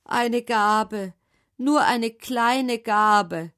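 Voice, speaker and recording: A woman's voice: a little high, drawn-out words, fairly bright tone, clear, resonant tone, voice pushed up. A woman voicing a poor old male beggar who speaks humbly and pleadingly in a storybook reading.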